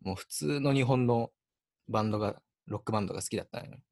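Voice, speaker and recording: A man in his twenties with a Kansai accent, a band member telling a story in a relaxed, self-mocking way on a casual radio chat. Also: fairly low pitch, rapid-fire, creaky. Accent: Kansai Japanese.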